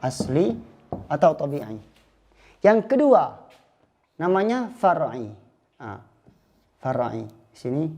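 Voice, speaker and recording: A man's voice: a little high, very animated, takes it slowly, pauses often, darkish tone. Man teaching, acting out examples. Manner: explains patiently, acting out short spoken examples. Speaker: Islamic teacher. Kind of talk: lesson.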